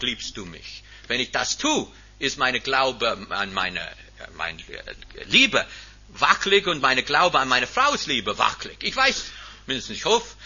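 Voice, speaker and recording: Man, preacher, sermon, emphatic, husky, very animated pitch. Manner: emphatic, swings from loud stresses to near-whispers. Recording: dull lo-fi recording.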